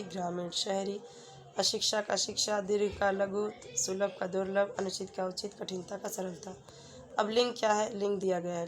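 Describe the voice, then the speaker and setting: A woman teacher with a mid-range voice patiently guides students through a workbook lesson, using everyday example sentences. She often repeats "ठीक है." The recording carries a slight hiss or hum.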